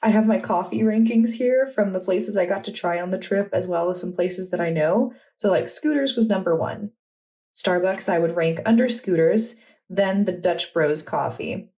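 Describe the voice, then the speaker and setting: A young adult woman vlogger chatting in a relaxed, enthusiastic way as she walks through her journal. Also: on the low side, normal speed. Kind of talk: casual vlog narration.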